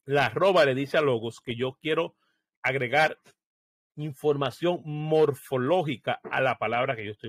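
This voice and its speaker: A man of medium pitch gives a casual screen-share tutorial and explains each click in turn. His voice is recorded dry and close, with no room sound. He thinks aloud and fills his pauses with hesitations. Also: fairly bright tone, dry recording. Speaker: software tutorial presenter.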